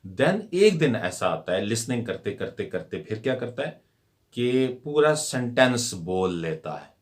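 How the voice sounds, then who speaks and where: A man's voice: medium pitch, big pitch swings, unhurried. A man explaining a language lesson as a teacher, repeating words and mixing English terms into his speech.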